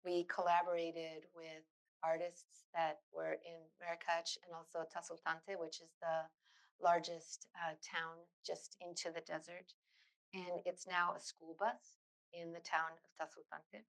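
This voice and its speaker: A middle-aged woman giving a public lecture in a university auditorium, earnest and thoughtful, often pausing on fillers and restarting phrases. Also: lowish voice, flat delivery, rough recording. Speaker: guest lecturer.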